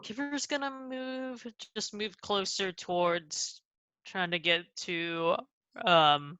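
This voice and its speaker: Bright-voiced woman player, slow easy talk, upbeat, dry close sound. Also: on the low side, smooth, dry recording. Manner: upbeat, says cool a lot. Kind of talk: casual tabletop play.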